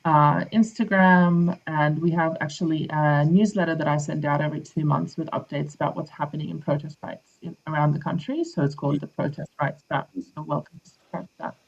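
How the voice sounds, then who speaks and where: A woman with a low voice and heavy vocal fry speaks as a radio interview guest. Her tone is conversational, and the recording is dull and muffled. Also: fairly even intonation, fairly quick, hardly any pauses. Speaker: interview guest, advocacy organisation representative.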